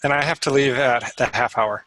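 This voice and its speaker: A man's voice: medium pitch, a little fast, no echo, rough recording. A man in a casual video call meeting, giving brief, matter-of-fact answers. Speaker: meeting participant. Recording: loud background noise on a call.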